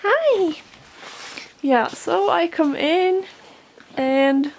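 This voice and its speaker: A woman's voice: fairly high pitch, moderate pace. Chatty young woman vlogging at a barn. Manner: chatty, with many fillers. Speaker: horse vlogger. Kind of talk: casual vlog chat. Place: horse barn, indoors and out. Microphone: handheld camera.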